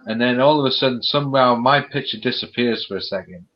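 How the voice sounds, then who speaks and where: On a stream, a male co-host speaks at a medium pitch and a fast clip in casual chat, swearing, laughing and using colloquial British slang. The recording sounds dull and lo-fi.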